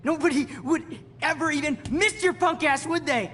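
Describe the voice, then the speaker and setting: A man's voice: extremely high pitch, normal speed, a bit bright, a little hiss or hum. An actor playing an unstable, entitled young man, agitated and menacing, in a dramatic video game scene. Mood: menacing rage. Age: young adult. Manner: agitated, menacing, swinging from muttering to outbursts. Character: unstable, entitled young male school bully.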